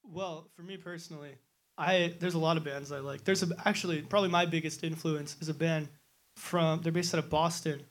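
A man's voice: a little high, fairly even intonation, a little fast. A nineteen-year-old man in a band, answering interview questions in an easygoing, rambling way. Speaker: band member, interview guest.

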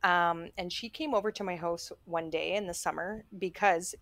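A woman co-hosting a podcast, telling a story in a casual chat, full of "like" fillers and lively when quoting others. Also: lowish voice, normal speed, no echo. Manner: chatty, many "like" fillers, animated when quoting. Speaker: podcast co-host.

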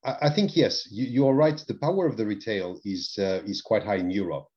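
A man being interviewed, speaking in a thoughtful, measured way with some phrasing. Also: lowish voice. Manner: thoughtful, measured, with non-native phrasing and restarts. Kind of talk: conversational interview. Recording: dull lo-fi sound.

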